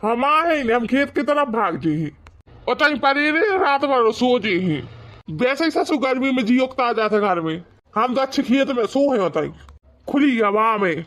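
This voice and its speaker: A woman's voice: on the high side, animated, normal speed, close to an everyday voice. A woman voicing a stubborn, teasing old village father-in-law in a cartoon comedy, bickering with his wife. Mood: mocking. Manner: mocking and bickering, later pleading.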